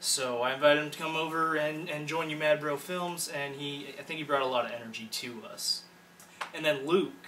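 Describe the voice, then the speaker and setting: Man, twenties, bright tone, rambling casual intro, mic set a bit far off with faint hiss. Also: mid-range voice. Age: 20s. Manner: rambling, self-correcting. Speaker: channel editor and online manager. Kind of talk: casual self-introduction to camera.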